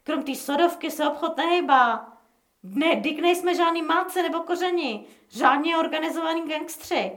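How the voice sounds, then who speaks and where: A woman's voice: high-pitched, fairly bright tone, roomy sound, pitched above the performer's own voice. A woman voicing an older male gang elder who talks bluntly and insistently in colloquial speech in a storybook reading. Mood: demanding.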